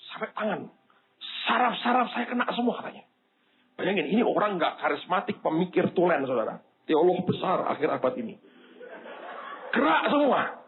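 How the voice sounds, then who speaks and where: A pastor with a touch delivers a sermon. His voice is high and swings widely in pitch as he acts out the people in his story. The sound is thin and tinny, like a phone line. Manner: storytelling, acts out the people he quotes, addresses the congregation as "saudara".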